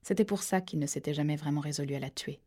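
A woman narrating a thriller audiobook in a steady, measured storytelling voice that drops to hushed tones at tense moments. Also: low voice.

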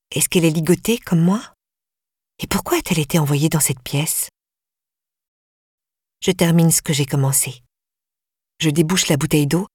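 A woman narrating a novel in the first person, with a measured, intimate delivery that slows in tense passages. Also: deep voice, a little mellow, breathy edge, no echo, clean studio sound. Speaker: audiobook narrator.

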